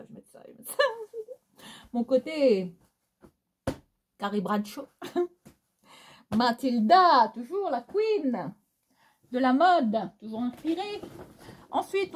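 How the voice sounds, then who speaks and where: A fashion vlogger with a Réunionese French accent chats casually to her viewers in a haul video. Her voice is mellow and on the high side, and she's theatrical, laughing often and using plenty of fillers.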